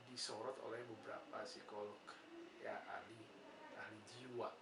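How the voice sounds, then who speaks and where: A patient male nursing lecturer with an Indonesian accent speaks at normal speed in a fairly low, gravelly voice with little pitch movement. He gives an explanatory lecture, asking rhetorical questions, answering them, and often saying "ya." The room is echoey, with a distant mic and a noisy background.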